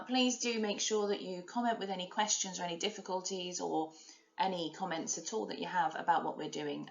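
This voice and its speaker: Woman teacher modelling sounds, roomy lo-fi. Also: on the low side. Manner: clear modelling of sounds with call-and-response prompts. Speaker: French teacher. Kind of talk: recorded language lesson. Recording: roomy, dull lo-fi recording.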